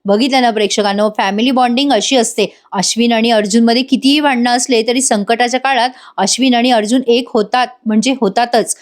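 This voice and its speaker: A woman's voice: on the high side, fairly even intonation, a little fast, few pauses. Chatty woman recapping a serial. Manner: chatty, addresses viewers often, acts out dialogue. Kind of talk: casual voice-over recap.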